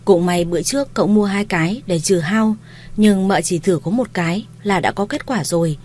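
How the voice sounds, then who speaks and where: A woman voicing a kind, shrewd young mistress of a household, speaking in a gentle, coaxing, reassuring way. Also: medium pitch, normal speed, natural voice.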